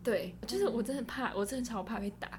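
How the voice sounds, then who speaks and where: Fast-talking young Taiwanese woman. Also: a little high, a little mellow, a little hiss or hum. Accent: Taiwanese Mandarin. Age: young adult. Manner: rapid, breathless storytelling. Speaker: podcast co-host. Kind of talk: casual chat.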